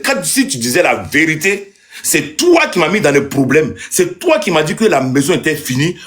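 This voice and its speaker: Man, angry landlord type, accusing and insulting, voice that rises high and swoops. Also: sharp tone. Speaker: landlord ranting on a live stream. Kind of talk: angry live monologue.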